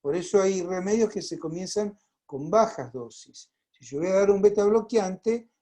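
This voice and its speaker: An Argentine man lecturing a class on pharmacology over a video call, conversational, filling pauses and checking in with the class. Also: sits high, expressive, mellow, low-quality recording. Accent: Argentine Spanish.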